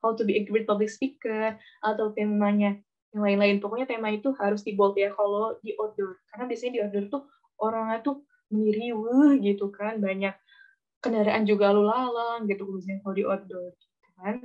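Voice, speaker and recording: A woman teaching public speaking in a casual online lesson, talking in a chatty, lively way, tossing in English words and acting out examples. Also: mid-range voice, a little fast. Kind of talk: casual webinar lesson with spoken demonstrations. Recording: dull lo-fi online audio.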